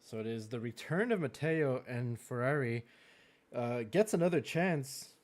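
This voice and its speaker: French Canadian male host, mid-pitched, chatty, laughs often, loose filler-heavy draft commentary. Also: lively intonation, a little slow. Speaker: host of a racing league draft. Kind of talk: live-streamed draft commentary.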